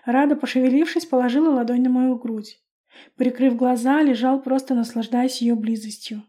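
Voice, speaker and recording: Woman narrator, audiobook, high voice, mellow tone, calm even storytelling. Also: moderate pace. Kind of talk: first-person audiobook narration.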